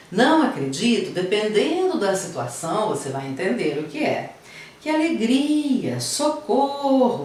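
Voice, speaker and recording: In a grammar lesson, a woman teacher with a Brazilian Portuguese accent explains things patiently, step by step, pausing to check in with students. She has a lowish voice, sounds far from the mic in a very echoey room, and a little hiss or hum is present.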